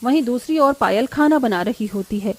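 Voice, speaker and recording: A woman's voice: fairly high pitch, lively intonation, moderate pace. A woman reading scripted narration for a cartoon family story.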